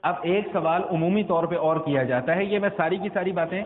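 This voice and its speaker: A man with a high voice delivers a Friday sermon in a large hall that rings with long reverb. He repeats key phrases and poses rhetorical questions. The sound is thin and tinny, like a phone line. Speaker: preacher.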